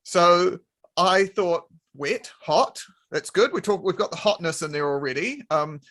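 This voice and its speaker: A man's voice: high voice, measured pace, fairly bright tone. A man, a comedy panelist rambling enthusiastically through a story in casual banter. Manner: rambling, enthusiastic, lots of fillers.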